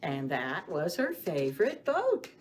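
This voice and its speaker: A lady hosting kids' storytime as a children's librarian reads aloud and recites rhymes for young children, her low-sitting voice really lively, rising and falling in a sing-song way. She talks straight to the children, asking questions and pausing for answers. There's noticeable noise in the background.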